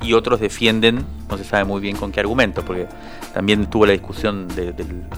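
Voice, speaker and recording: A journalist with a fairly low voice talks through politics on a radio show. He is loose and conversational, and he often pauses and restarts his sentences. Soft music sits in the background. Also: flat delivery. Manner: conversational, hesitant with fillers and restarts. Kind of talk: casual political commentary.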